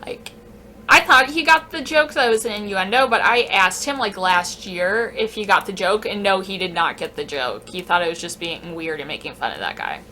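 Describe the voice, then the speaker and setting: Bright-voiced woman telling a story. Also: medium pitch, normal speed, a little hiss or hum. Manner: casual, swearing, animated storytelling. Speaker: vlogger. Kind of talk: storytime vlog.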